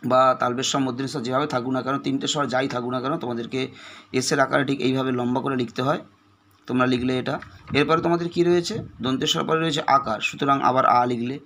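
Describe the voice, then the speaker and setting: A man's voice: mid-range voice, a bit bright, slight background noise. A man teaching an exam-prep lesson, patiently breaking words into single sounds, with a West Bengal Bengali accent.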